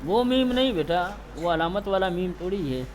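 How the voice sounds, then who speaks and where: A man teaching tajweed in a classroom, asking his students questions and answering them himself, slowing down to repeat key terms. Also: sits high, expressive, slight background noise. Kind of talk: classroom lecture.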